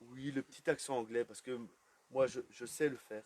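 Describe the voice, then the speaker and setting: A man with a medium-pitched, steady, slightly mellow voice gives a casual live tour of an aquarium shop at a moderate pace. He chats loosely as he walks around, using plenty of fillers.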